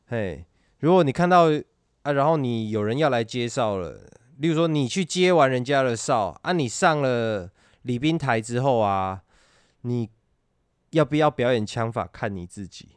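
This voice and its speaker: Clear-voiced Taiwanese man telling stories casually. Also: medium pitch, normal speed, no echo, clean studio sound. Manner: animated, uses sound effects to illustrate. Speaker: guest telling his military service stories. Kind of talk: casual conversational storytelling.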